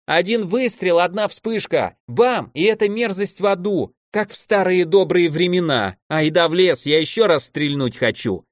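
A man's voice: high voice, animated, normal speed, few pauses, no room sound, clean studio sound, voice pushed up. A man doing Keosh, a bellowing old archmage. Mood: gleeful. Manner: gleeful, bellowing, wheedling. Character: boisterous old archmage in a child's body, male.

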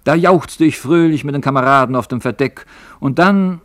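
A man's voice: medium pitch, moderate pace, dry recording, studio quality, voice pushed up, natural voice. A man voicing a young grieving sailor who pleads in a raised, impassioned voice. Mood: despairing. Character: young grieving male sailor, despairing and earnest.

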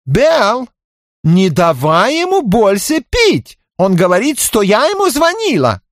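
A man voicing a sulky, offended young woman who whines indignantly, slow and tipsy, in an audiobook. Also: extremely high pitch, big pitch swings, no echo, clean studio sound, voice pushed up, heavily acted. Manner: whiny, indignant, slowed.

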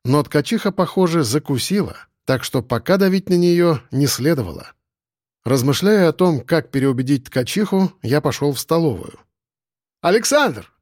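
A man's voice: a little high, animated, moderate pace, darkish tone, dry recording. A man narrating a first-person audiobook story in a dry, wry manner.

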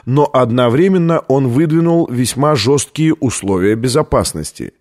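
A man with a mid-range voice narrates an audiobook, reading scripted narration in an even, measured style.

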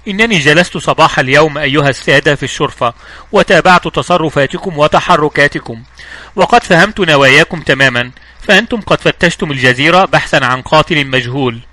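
A man reads a composed old judge who lays out his reasoning in clear, measured sentences. The voice is bright and fast-moving. It sounds dry and close, with little room sound. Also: fairly high pitch, no echo. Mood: commanding. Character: calm, authoritative elderly male judge. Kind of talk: audiobook reading.

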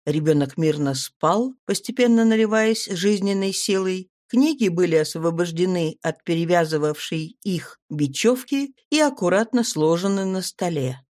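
A woman narrating an audiobook in a lively, expressive manner. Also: fairly low pitch, moderate pace, few pauses.

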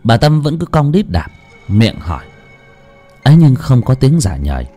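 A man's voice: mid-range voice, huge pitch swings, moderate pace, mellow, soft background music. A man narrating a ghost story in a dramatic, vivid way.

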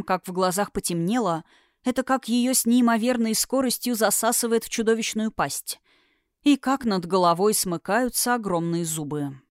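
Expressive woman narrating an audiobook. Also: mid-range voice, no echo, clean studio sound. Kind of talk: dramatic fantasy audiobook narration.

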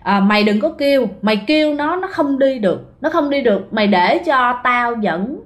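A woman quoting a stern old male spirit guide who gives blunt, rough commands. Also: fairly high pitch, lively intonation, normal speed, close to an everyday voice.

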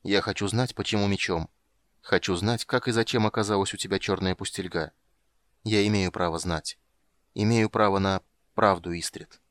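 A grim, restrained monster hunter with a low, quiet voice, as a male narrator reads him in an audiobook. He speaks slowly and in clipped phrases. The sound is close and dry. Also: steady tone, dry recording, lightly acted. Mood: firm. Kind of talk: audiobook character voice.

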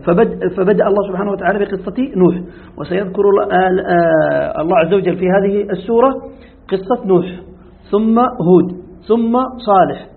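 A man teaching a commentary lesson, often asking his students if they follow and posing questions to them. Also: sits high. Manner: keeps asking students if it's clear; poses rhetorical questions. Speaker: sheikh teaching Quran commentary. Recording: tinny phone-like audio.

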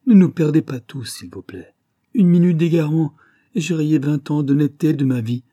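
A man's voice: lowish voice, animated, a little slow, dark tone, breathy edge, no room sound. A man voicing a hulking culprit, caught and desperate, begging for mercy in a read-aloud story. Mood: pleading. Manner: pleading, desperate. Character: hulking guilty man, broken and pleading.

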